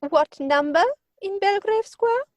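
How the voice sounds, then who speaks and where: A woman with a very high, lively voice plays an imperious, snobbish older upper-class lady in a theatrical comedy reading, sounding haughty, pompous and disapproving. She speaks a little slowly and with crisp emphasis. The dry home video-call recording has no room sound.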